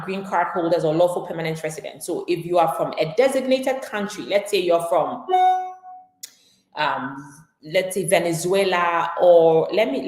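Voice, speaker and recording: Woman attorney, lowish voice, live-stream explainer, fillers and restarts, roomy echo. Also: darkish tone. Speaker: immigration attorney.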